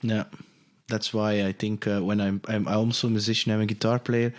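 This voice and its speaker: European man hosting a podcast, halting speech. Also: lowish voice, flat delivery. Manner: halting, restarts and hesitant phrasing. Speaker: podcast host. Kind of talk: casual interview chat.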